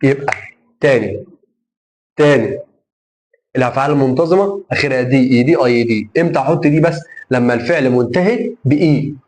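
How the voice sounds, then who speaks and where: A man's voice: mid-range voice, a little fast, darkish tone. A young man with an Egyptian Arabic accent, teaching English grammar to middle school students. He repeats each rule and asks "okay?" before answering it himself. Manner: repeats rules and asks himself questions like tamam? then answers.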